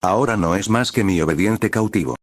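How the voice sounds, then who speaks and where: A man's voice: on the low side, brisk, no room sound, studio quality, lightly acted. Man voicing a gloating terrorist leader. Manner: mocking, scornful laughter.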